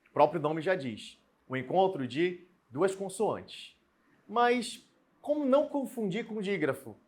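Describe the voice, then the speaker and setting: Husky male teacher with a lively voice. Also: on the high side. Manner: explains step by step, asks students questions and answers them; repeats and spells out example words slowly. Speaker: Portuguese language teacher. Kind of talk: recorded video lesson.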